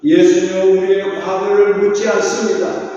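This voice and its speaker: A man's voice: sits high, flat delivery, normal speed, mellow. A male pastor preaching a sermon in earnest, often stretching phrases into a sung, chanting cadence. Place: church sanctuary. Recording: distant, echoey church hall, dull sound.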